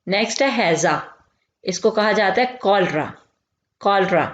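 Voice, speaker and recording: A woman teaching medical vocabulary, repeating each term slowly and clearly. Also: mid-range voice, expressive. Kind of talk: vocabulary lesson. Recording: echoey, dull lo-fi room recording.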